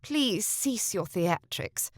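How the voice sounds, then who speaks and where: A woman's voice: mid-range voice, lively intonation, slow pace, no room sound, studio quality. A woman voicing a stern, controlling noblewoman sister who speaks in a clipped, curt manner.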